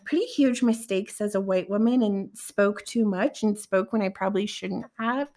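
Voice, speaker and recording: A woman's voice: mid-range voice, a little mellow. A woman co-hosting a podcast, talking candidly and reflectively in casual chat, with many filler words.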